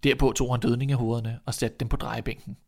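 A man narrating a fairy tale in a calm, measured storybook reading. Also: medium pitch, gravelly.

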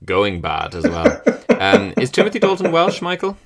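A man's voice: on the low side, huge pitch swings, moderate pace, over a noisy crowd. A man co-hosting a comedy podcast, chatting hesitantly with many fillers. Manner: hesitant, fillers, playful impressions. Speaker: podcast co-host. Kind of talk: casual comedic chat.

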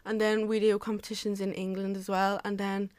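Young girl talking cheer, flat tone, dry sound, says like every few words. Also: medium pitch, fairly quick, clean tone, no echo. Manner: filler-heavy, says "like" constantly. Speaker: cheerleader and youth coach. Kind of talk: casual interview answers.

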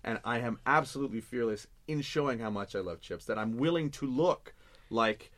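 A man guest chatting casually, an animated storyteller who stammers on restarts and gets loud when excited. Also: mid-range voice, brisk. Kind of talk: casual chat.

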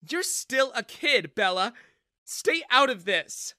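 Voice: mid-range voice, big pitch swings, moderate pace, sharp tone, no room sound, clean studio sound, voice pushed up. A narrator voicing an emotional, possessive married mother in a dramatised audio story, speaking insistently. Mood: stern. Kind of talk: dramatised first-person web-novel audio story.

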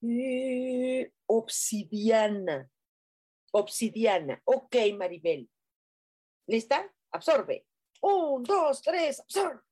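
A woman's voice: on the high side, big pitch swings, drawn-out words. A Mexican woman hosting a casual live stream, chatting playfully and reading out comments from viewers. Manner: playful, chatty, breathy hushed guiding. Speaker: host of a live spiritual stream.

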